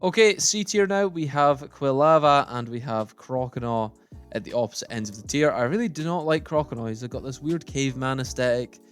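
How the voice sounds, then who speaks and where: A gaming YouTuber casually works through a tier list, bluntly voicing likes and dislikes and thinking aloud while he sorts. His middle-pitched voice is brisk and clean, with no room sound and faint music underneath.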